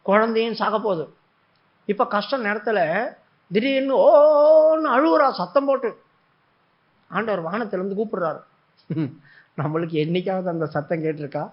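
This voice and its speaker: A man preaching a sermon, telling a story with feeling and acting out the prayers and the replies of God. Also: sits high. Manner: animated storytelling, acting out prayers and God's words. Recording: dull lo-fi recording.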